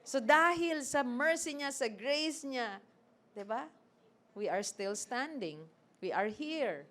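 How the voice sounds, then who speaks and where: A woman preacher giving a lively sermon, acting out scripture and asking the congregation questions. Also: high voice, slow. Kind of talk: sermon mixing Tagalog and English.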